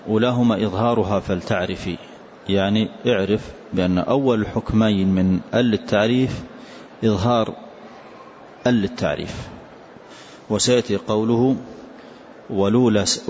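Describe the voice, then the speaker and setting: Low-voiced sheikh explaining a text. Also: male voice, a little mellow. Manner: patient, repeats the student's line then explains. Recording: dull lo-fi lesson recording, faint hiss.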